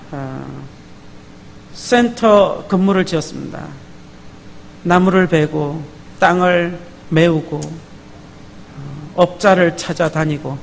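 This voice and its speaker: In a church sanctuary, a male pastor with a high, creaky voice delivers an emphatic sermon, often prompting the congregation to answer with a repeated "예?". Long hall reverb and faint background noise fill the recording.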